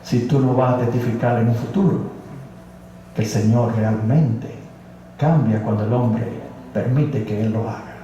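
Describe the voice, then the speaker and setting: A man voicing God as a patient, fatherly figure who speaks gently, recorded from a distance in an echoey hall. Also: mid-range voice, steady tone, unhurried, muffled recording, slight background noise, pitched below the performer's own voice, natural voice. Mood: gentle, fatherly. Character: calm fatherly voice of God, male.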